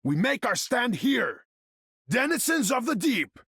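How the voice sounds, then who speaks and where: This proud male sea king warrior, haughty and commanding, lets loose a triumphant battle cry in video game voice lines. The exaggerated voice is extremely high, very animated, slightly bright, and husky, with huge melodic swings, delivered unhurriedly as pompous, regal, theatrical formal declamation. The audio is close and dry, with no echo.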